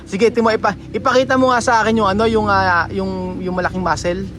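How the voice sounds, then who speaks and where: A man's voice: high-pitched, fairly even intonation, fairly quick, crowd noise. A man from the Philippines vlogging in casual chat, playful and coaxing, often stopping and restarting his words.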